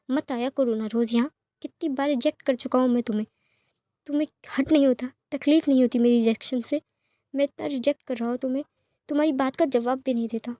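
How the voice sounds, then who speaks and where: A woman's voice: high voice, mellow, no room sound, close to an everyday voice. A woman voicing a hot-tempered young man. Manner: pleading and defiant inner monologue.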